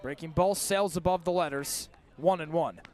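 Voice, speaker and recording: A man with a somewhat high, darkish-toned voice calls baseball live on the radio from an outdoor ballpark at normal speed. He describes each play in clipped terms, his delivery rising with the action.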